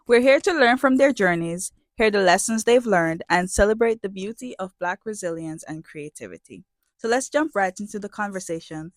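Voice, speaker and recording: A young woman from Jamaica hosts a panel chat in a bright, welcoming way. Her voice sits at a middle pitch. The sound is dry and close. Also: no room sound. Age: 20s. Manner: upbeat, welcoming host delivery. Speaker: host. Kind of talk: hosting a panel talk show.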